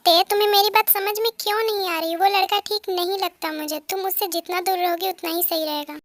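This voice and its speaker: A woman with a very high voice plays a possessive, hot-tempered teenage boy in a fan-dubbed love story. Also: fairly even intonation, a little fast, dry recording. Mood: angry jealous. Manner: scolding, possessive.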